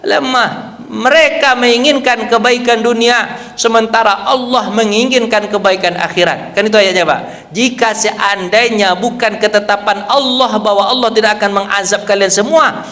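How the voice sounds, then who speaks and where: A man's voice: high voice, sharp tone. A man preaching to a mosque study circle, telling stories and quizzing his listeners with questions in a manner. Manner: storytelling, quizzing the audience with questions. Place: mosque hall. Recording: long hall reverb.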